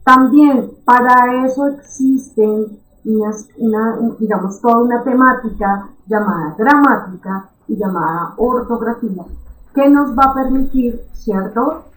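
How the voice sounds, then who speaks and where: Lively woman teacher, echoey room. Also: on the high side, a little slow, slight background noise. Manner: lively, encouraging, checks in with "¿cierto?". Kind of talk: online reading lesson. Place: recorded for an online class.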